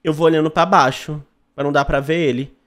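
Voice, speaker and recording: A man's voice: on the high side, steady tone, brisk, a bit bright. A young Brazilian man hosting a gaming channel, commenting on a horror game in a jumpy, exclaiming way and talking to his chat. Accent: Brazilian Portuguese.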